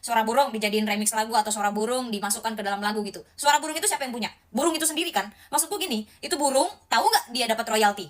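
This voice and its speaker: A woman's voice: on the high side, rapid-fire, few pauses. A woman giving a casual, exasperated commentary rant, rambling and searching for words.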